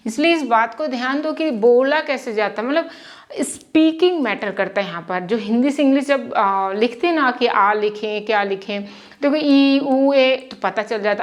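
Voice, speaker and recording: A woman teaching how to spell names, patiently sounding out syllables and checking in with the listener. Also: sits high. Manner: patient, repeats and checks with "ठीक है". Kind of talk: slow spoken lesson.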